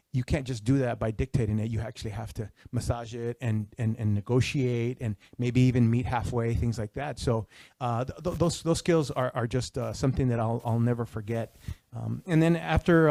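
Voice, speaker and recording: Speaking on a panel from an auditorium stage to an audience, a man in his fifties from El Paso, Texas, recalls his career as a Secret Service official, now retired. His medium-pitched voice is creaky and mellow, picked up by a handheld microphone with no room sound, and his conversational delivery is packed with restarts and fillers.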